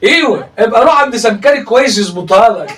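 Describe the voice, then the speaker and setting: An Egyptian man with a very high voice rattles off teasing comedy commentary, laughing and exclaiming as he goes. He talks quickly, and he sounds a little distant from the microphone. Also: animated, a bit bright. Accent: Egyptian Arabic. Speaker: comedic reaction host. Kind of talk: mocking reaction commentary on a livestream.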